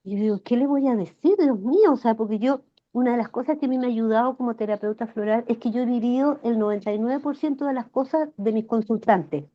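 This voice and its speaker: A woman's voice: a little high, fast talker, highs cut off. A woman in her sixties with a Chilean accent, a flower therapist guest telling emotional stories in a podcast interview. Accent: Chilean Spanish. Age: 60s. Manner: emotional, animated storyteller.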